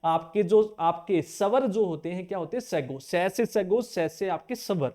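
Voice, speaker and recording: A man's voice: sits high, normal speed, mellow. Drilling male grammar teacher. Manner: asks the class questions and answers them himself; repeats key terms over and over, drilling. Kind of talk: exam-prep grammar lesson.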